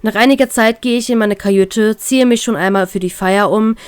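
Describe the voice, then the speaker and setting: A woman reading her own fanfiction aloud as a first-person narrator, in a plain, steady manner. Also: medium pitch, a little fast, clean tone. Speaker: fanfiction reader.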